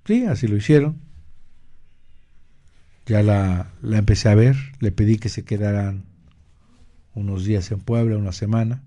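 A man hosting a radio health show, explaining terms and recounting a therapy case in a measured way, with frequent pauses and fillers. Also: fairly low pitch, dark tone. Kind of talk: slow explanatory talk.

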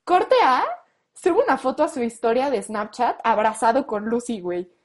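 A young woman with a Mexican accent, close to twenty, telling a story in casual chat, animated and full of slang, acting out what people said. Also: on the high side, normal speed. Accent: Mexican Spanish. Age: late teens. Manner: animated, slangy, acts out quoted lines. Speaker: guest.

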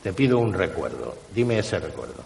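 A man leading a guided hypnosis session, slowly and insistently questioning someone about a memory. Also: low voice, very animated, gravelly, darkish tone, roomy sound, big-room sound, a little hiss or hum.

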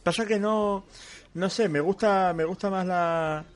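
A man co-hosting a relaxed podcast. His voice sits fairly high, and he is playful, leaning into a rolled R. He keeps it chatty and loose. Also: a little slow. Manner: playful, rolls his R on purpose. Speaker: podcast co-host. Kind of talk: casual podcast chat.

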